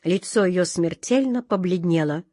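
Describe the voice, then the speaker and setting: Woman reading a kids' storybook, dramatic and lively, dry close sound. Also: on the low side, normal speed, no echo. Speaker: narrator.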